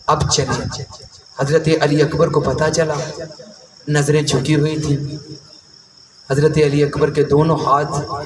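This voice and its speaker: A man's voice: a little high, background noise. A man from Pakistan preaching a mourning sermon with impassioned, half-chanted delivery to a gathering. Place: large mourning gathering hall. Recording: echoey hall mic from far off, crowd. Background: crowd of mourners.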